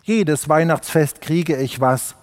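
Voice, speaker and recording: A man doing a croaking, greedy magpie. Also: fairly high pitch, slow pace, in a large hall.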